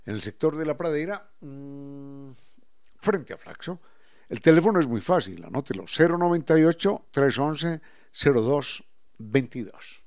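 A man hosting a talk show, explaining language points in a professorial way and slowly spelling out sounds and words. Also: medium pitch, expressive, darkish tone. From Ecuador. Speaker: radio host.

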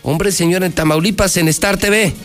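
A man's voice: high-pitched, fairly even intonation, fairly quick. A Mexican man hosting a live phone-in opinion show, speaking in an emphatic, repetitive, colloquial way with sarcastic rhetoric. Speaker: radio and TV talk show host. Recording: music bed behind the voice. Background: background music.

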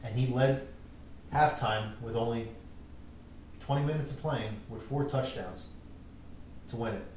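A man's voice: medium pitch, unhurried, long pauses, a little mellow, slight background noise. A young man co-hosting a podcast, talking sports in a laid-back way with casual swearing. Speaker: podcast co-host. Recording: echoey room from far off.

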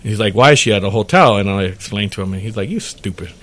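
A man with a fairly low voice hosts a casual podcast chat. He tells a long, rambling story and acts out each line of dialogue as he goes. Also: fast talker, a bit bright. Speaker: podcast host.

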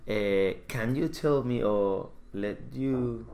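A man as a student in a casual language lesson, answering hesitantly and trying phrases out loud with halting restarts. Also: medium pitch, a little hiss or hum.

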